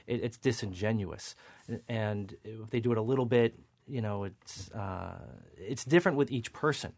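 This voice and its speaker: A man with a lower-pitched voice speaks as a speech coach on a radio panel. He explains ideas in a patient, teaching way, like a coach breaking things down for listeners. The recording is close and dry. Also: moderate pace, a little mellow, no room sound. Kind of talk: expert radio commentary.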